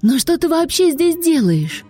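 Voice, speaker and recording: A high, bright-voiced young girl, brave and quick to protest, as a woman reading the story puts her on. Her lines leap up in pitch over a soft, mellow tone and faint music. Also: very animated, full character voice. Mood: relieved.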